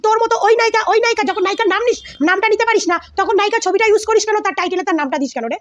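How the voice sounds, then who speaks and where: A woman's voice: extremely high pitch, racing, dry recording, muffled recording. A woman vlogger giving heated celebrity gossip commentary, scolding and insulting with lots of repetition.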